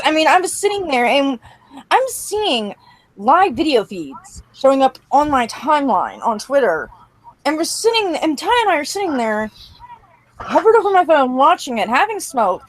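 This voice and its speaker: A woman co-hosting a casual live-streamed talk show, exasperated and animated, often restarting her sentences. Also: high-pitched, rough recording. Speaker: podcast co-host. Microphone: headphones and computer mic.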